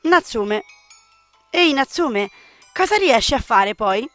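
A woman voicing an innocent but suspicious little girl in a dating game, reading her lines in a high, childish, indignant way. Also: expressive, slow, a bit bright, no room sound, faint music behind. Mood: eager. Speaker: game player reading a character.

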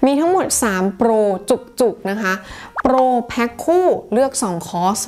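A woman's voice: on the high side, sing-song, normal speed. A young woman from Thailand giving a casual English lesson in a friendly, chatty way, moving between Thai and English. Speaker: English teacher.

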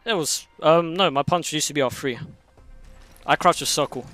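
Higher-pitched young man chatting while gaming. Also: bright, forceful tone, faint music behind. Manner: repeats phrases in quick succession. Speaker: gamer. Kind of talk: casual gaming chat.

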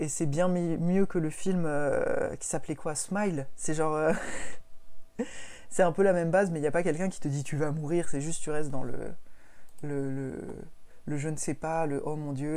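Low-voiced playful woman chatting on stream. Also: warm tone. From Paris. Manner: playful, laughs often, jokes about her own bad accents. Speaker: streamer co-host reviewing manga. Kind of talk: casual chat. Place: live stream.

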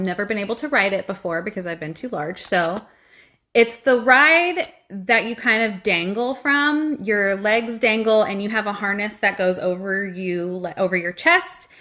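A woman recapping a theme park trip in a chatty, animated vlog. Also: mid-range voice. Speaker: vlogger.

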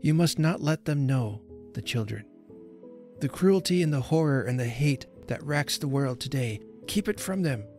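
A man voicing a grave, solemn old Father Time who speaks gently and gravely. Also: mid-range voice, expressive, normal speed, soft background music, voice pushed up, lightly acted.

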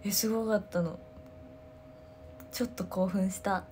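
A woman, chatting casually on a livestream, telling stories excitedly with sound words. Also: medium pitch, measured pace, slight background noise. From Ehime, Japan. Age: 20s. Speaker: idol livestreamer. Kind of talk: casual livestream chat answering comments.

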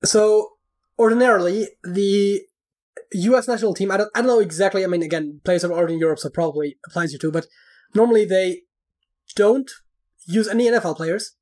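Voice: mid-range voice, brisk, a little mellow. Rambling explainer full of fillers. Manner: explains at length with many fillers and restarts. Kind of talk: casual chat.

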